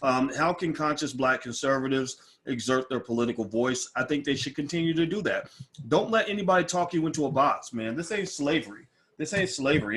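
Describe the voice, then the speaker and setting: A man's voice: mid-range voice, fairly bright tone. A man hosting a casual live question-and-answer stream, blunt and opinionated with some swearing, his speech slightly impeded as if by something in his mouth. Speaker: livestream host. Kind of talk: casual livestream Q&A.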